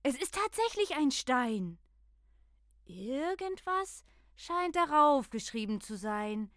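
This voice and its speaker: A woman playing a lively, playful, easily spooked young girl in a children's audio drama. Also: sits high, takes it slowly, no echo, clean studio sound, full character voice. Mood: spooked, excited.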